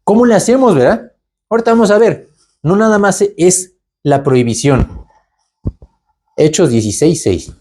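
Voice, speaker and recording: A man's voice: sits high, lively intonation, moderate pace, pauses often, a little mellow. A man teaching the Bible conversationally, asking rhetorical questions and tagging lines with "¿verdad?". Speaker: preacher.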